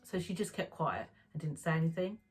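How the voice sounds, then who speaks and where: Woman, low voice, husky, calm true crime narration, faint music underneath. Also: brisk, rough recording.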